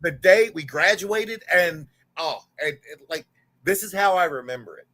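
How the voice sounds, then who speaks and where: A man's voice: on the high side, moderate pace. A man in his forties, a guest on a livestream, chatting casually and telling stories in a candid way, swearing freely. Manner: animated, candid storyteller who swears freely.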